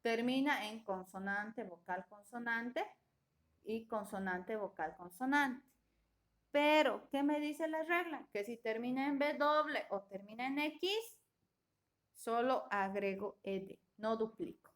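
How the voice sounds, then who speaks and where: Woman teacher going over grammar rules, slow and careful, higher voice, keeps asking "¿ya?". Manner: slow and deliberate, often checking with a questioning "¿ya?". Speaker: English teacher. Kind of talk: classroom grammar lesson.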